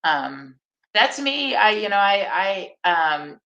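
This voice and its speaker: A woman's voice: medium pitch, big pitch swings, takes it slowly, a bit bright, lo-fi sound. A woman from Texas speaking on a career panel in an earnest, encouraging conversational way. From Austin, Texas, USA. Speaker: panelist giving career advice. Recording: roomy echo.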